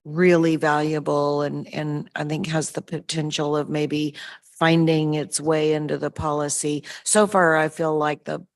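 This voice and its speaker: A woman commissioner speaking in a meeting with deliberate, careful phrasing. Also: low voice, little pitch movement. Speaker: commissioner questioning the chair.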